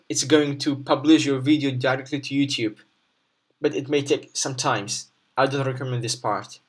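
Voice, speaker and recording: A mid-pitched man presents an unscripted software tutorial, explaining what to do on screen. He goes through each step haltingly and often repeats or rephrases an instruction.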